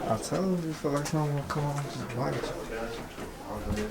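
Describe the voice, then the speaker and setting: A man's voice: a little high, steady tone, moderate pace. A man vlogging in casual, slangy, joking talk. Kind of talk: casual vlog chat. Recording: loud crowd chatter around him.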